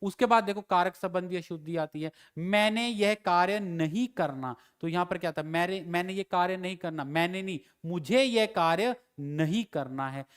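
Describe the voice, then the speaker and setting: A man with a Himachali Hindi accent teaches a grammar class for exam candidates. His voice sits high and rings clean and resonant. He works through example sentences methodically, saying each one slowly before giving the fix. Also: smooth. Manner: repeats each example sentence slowly, then gives the corrected version. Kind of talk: exam-prep grammar lecture.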